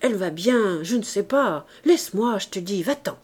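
A woman voicing a middle-aged male crook who scolds his daughter in a grumbling, hushed way. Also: medium pitch, lively intonation, moderate pace, breathy edge. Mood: irritated.

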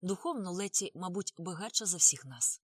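A female audiobook narrator reads with an expressive, animated delivery, her pitch moving widely. The voice is recorded close and dry, with no room sound at all. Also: moderate pace, husky, no echo.

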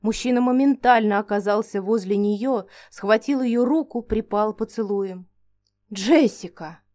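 A woman narrating a first-person fantasy audiobook in a steady storytelling reading. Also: medium pitch, normal speed.

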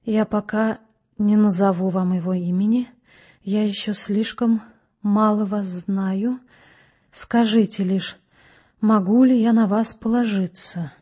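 Woman reader as mysterious young lady, low dark tone, husky, slow, hushed, audiobook. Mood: hushed, pleading.

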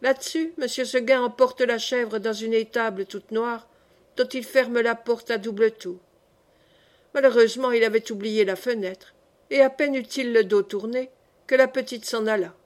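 Expressive woman reading an audiobook. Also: on the high side. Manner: expressive, measured storytelling. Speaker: audiobook reader. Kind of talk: audiobook narration of a classic story.

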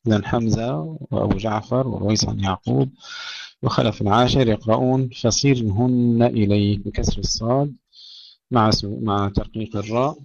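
Man with a low voice teaching quran recitation, slow chanting then fast explaining, dry muffled recording. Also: vocal fry, a little mellow. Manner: recites verses slowly and melodically, then explains rules briskly. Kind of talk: tajweed lesson alternating slow recitation and quick explanation.

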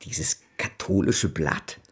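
In a German radio drama, a male actor plays a vain, scheming French banker around fifty. His natural, slightly husky voice is brisk and smooth-talking, with a calculating mood.

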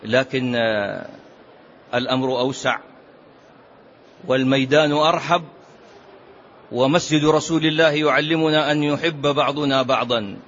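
A man preaching a mosque sermon with impassioned pleading, moving between loud exhortation and soft appeals. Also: medium pitch, steady tone, normal speed, long pauses. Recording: muffled lo-fi recording with faint background noise.

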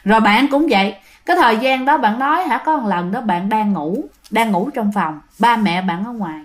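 A woman with a Southern Vietnamese accent tells a ghost story in a loose, chatty way, often turning to address her listeners. Her voice sits a little high. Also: lively intonation, moderate pace. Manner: chatty, addresses listeners directly, many fillers. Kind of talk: casual ghost story narration.

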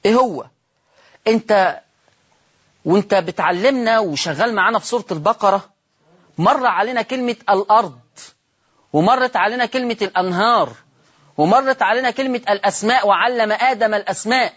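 A man with an Egyptian Arabic accent teaching a Quran reading lesson with a husky, slightly breathy voice. He stretches key words slowly, repeats them, and asks his listeners questions. The sound is muffled and lo-fi, as if taken from an old broadcast. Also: high-pitched, fairly bright tone.

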